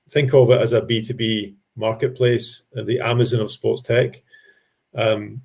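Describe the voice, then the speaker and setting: At a medium pitch and with a somewhat mellow tone, a man walks an industry audience through a business presentation. His delivery is measured, peppered with ums and phrases he begins again.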